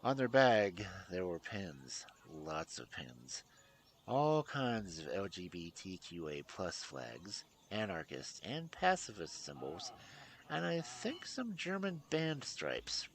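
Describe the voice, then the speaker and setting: Man, streamer, lively pitch, medium voice, reading a story game, chuckling asides, faint noise behind. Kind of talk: reading aloud and live commentary.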